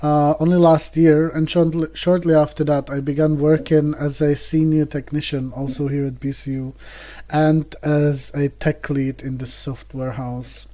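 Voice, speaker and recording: A man's voice: fairly high pitch, level tone, unhurried, mellow. A man from the Czech Republic introducing himself as a guest on an online panel over a video call.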